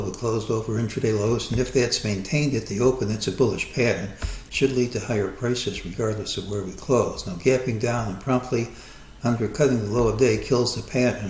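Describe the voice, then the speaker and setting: A man with a lowish voice walks through a stock chart and lays out his market forecast. He talks in a measured, hedging way and weighs every possibility. The recording has a roomy echo and a faint hum of ambience behind it. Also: darkish tone. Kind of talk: chart analysis monologue.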